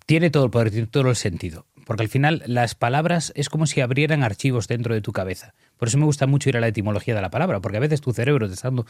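A man's voice: mid-range voice, expressive, rapid-fire, hardly any pauses, darkish tone, dry recording, clean studio sound. A man, explaining ideas and guiding an exercise in earnest, emphatic conversation.

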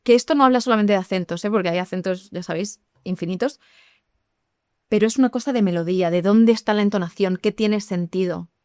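Lively woman explaining. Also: medium pitch, quick pace, no echo, clean studio sound. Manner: lively, explanatory, addresses listeners directly. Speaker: English teacher. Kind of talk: podcast conversation.

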